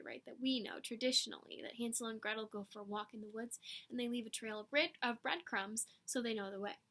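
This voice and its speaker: Reading a picture book to children, a woman uses a slightly high, bright voice with a forceful tone. Her expressive read-aloud is full of dramatic emphasis, and she breaks off for asides like a teacher.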